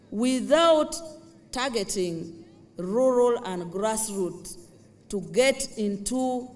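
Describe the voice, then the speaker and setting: Formal Ugandan official reading figures. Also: male voice, sits high, a little mellow, a little hiss or hum. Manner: formal, deliberate, reads out figures. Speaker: official addressing the president. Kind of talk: formal speech reading statistics.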